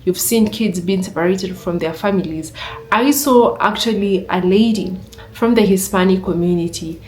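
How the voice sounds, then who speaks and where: A woman's voice: medium pitch, normal speed, a little mellow. A woman giving reaction commentary in an earnest, indignant way, building her argument point by point.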